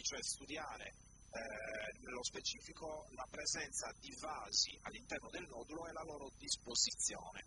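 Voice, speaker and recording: A male doctor with a fairly high voice explains things step by step in a careful, didactic way. His intonation swings widely, and the recording is very noisy. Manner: didactic, careful, repeats and rephrases key phrases. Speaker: doctor, studio guest expert. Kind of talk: explaining medical matters to a caller. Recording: very noisy broadcast audio.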